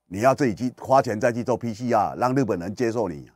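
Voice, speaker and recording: A man from Kinmen, hosting a political talk radio show with animated, sarcastic ranting. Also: on the low side, fast talker, dry recording, clean studio sound. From Kinmen, Taiwan.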